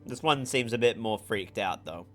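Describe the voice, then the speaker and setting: A man's voice: fairly low pitch, moderate pace, a bit bright, faint music behind. A man streaming casual reaction commentary in a blunt, offhand, sweary manner.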